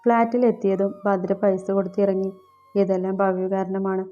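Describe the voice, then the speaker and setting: A woman narrating a romantic audiobook story in a steady, even reading. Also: mid-range voice, moderate pace. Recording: slightly dull, music underneath. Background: soft background music.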